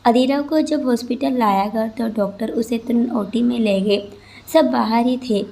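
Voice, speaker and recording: A woman narrating a scripted story as a storyteller, in an even, expressive manner. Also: on the high side, moderate pace, gravelly.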